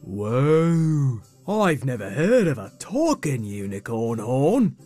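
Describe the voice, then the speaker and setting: A man's voice: mid-range voice, big pitch swings, slow, warm tone, soft background music. River, a man doing a cheerful pegasus. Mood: curious. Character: cheerful curious cotton-candy pegasus.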